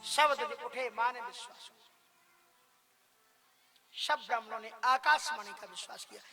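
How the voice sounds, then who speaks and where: A man giving a religious discourse, telling stories in an animated way, acting out quoted voices and breaking into chanted verses. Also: extremely high pitch, moderate pace, faint music behind.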